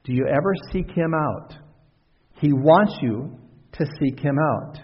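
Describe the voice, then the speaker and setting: A man's voice: fairly high pitch, expressive, unhurried, husky. A male pastor preaching a conversational sermon, asking the congregation rhetorical questions and letting his voice swell and drop. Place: church sanctuary. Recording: dull recording in a reverberant church hall.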